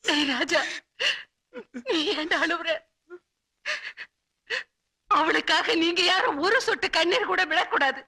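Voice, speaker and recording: A woman's voice: steady tone, takes it slowly, pauses often, sharp tone, no room sound, studio quality, exaggerated voice. A middle-aged actress playing a fierce mother who furiously disowns her daughter and orders her sons about. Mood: enraged commanding. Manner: shrill, fierce, commanding.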